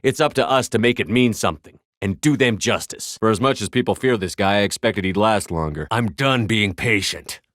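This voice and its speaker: A man's voice: on the low side, brisk, hardly any pauses, fairly bright tone, no echo, lightly acted. A man voicing a tough, commanding military starship commander in a video game, with a terse, authoritative, dry delivery. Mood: cool, stern.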